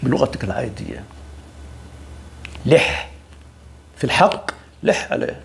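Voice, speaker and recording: Gravelly animated male preacher. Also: mid-range voice, a little slow. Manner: animated, preachy, acts out quoted voices. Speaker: religious speaker. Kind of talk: informal religious talk.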